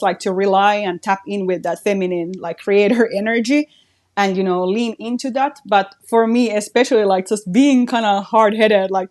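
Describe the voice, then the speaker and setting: On a laid-back podcast, a woman from Finland, appearing as a guest artist, muses thoughtfully in Finnish-accented speech and leans on "like" almost constantly. Her voice sits mid-range with a slightly mellow quality.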